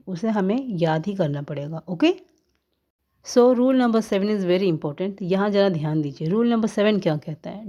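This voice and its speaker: A woman's voice: medium pitch, warm tone, highs cut off. A woman teaching an English grammar lesson, explaining step by step, spelling words letter by letter and answering her own questions while mixing English and Hindi.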